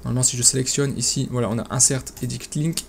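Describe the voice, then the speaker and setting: A man explains a software setup step by step in a relaxed, chatty way, often restarting his sentences and filling pauses. His voice sits at an ordinary middle pitch. Faint background noise and keyboard typing can be heard behind him. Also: vocal fry. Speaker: e-commerce tutorial host. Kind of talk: casual screen-recorded software tutorial.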